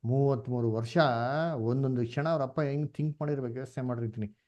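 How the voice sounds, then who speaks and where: Animated Kannada man teaching Bible class. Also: mid-range voice, fairly quick. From India. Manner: animated, questioning, mixes English words. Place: online class.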